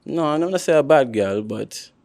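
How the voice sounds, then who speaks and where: A man's voice: medium pitch, lively intonation, moderate pace, a little mellow. A man with a Kittitian accent, talking in casual, unscripted banter as a dating show contestant. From Saint Kitts and Nevis.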